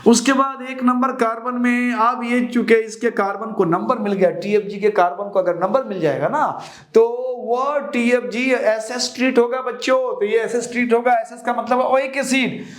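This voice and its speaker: A man's voice: extremely high pitch, fairly even intonation, normal speed. Man, chemistry teacher, classroom lecture, rhetorical questions, repeats answers, echoey room. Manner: addresses students as children.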